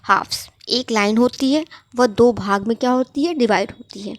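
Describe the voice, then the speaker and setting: A woman teaching literature, reading lines slowly and then explaining them in Hindi with rhetorical questions. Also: fairly high pitch, no room sound. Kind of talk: explaining a text line by line.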